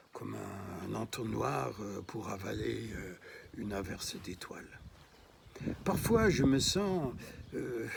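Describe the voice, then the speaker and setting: Slow, gravelly man reading his prose. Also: mid-range voice, darkish tone, a little hiss or hum. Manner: halting, with frequent restarts and filler sounds. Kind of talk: literary reading.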